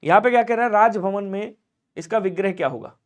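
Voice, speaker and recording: A man teaches a live online lesson for exam candidates. He keeps urging viewers to comment quickly and asks questions that he then answers himself. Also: high-pitched. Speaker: Hindi teacher for police exam prep.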